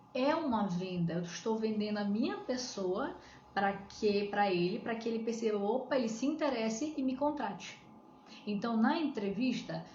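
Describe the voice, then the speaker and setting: A woman's voice: fairly high pitch, a little mellow. A Brazilian woman giving advice in a live-stream talk, explaining step by step and asking herself rhetorical questions. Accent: Brazilian Portuguese. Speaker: coach on shyness. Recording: echoey room, dull lo-fi sound, faint hiss.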